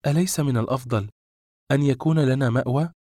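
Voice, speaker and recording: A man voicing a hurt, sharp-tongued young woman. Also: medium pitch, animated, fast talker, no echo, clean studio sound, pitched above the performer's own voice, close to an everyday voice. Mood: pleading. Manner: sharp, urgent questioning. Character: distressed young woman confronting her lover.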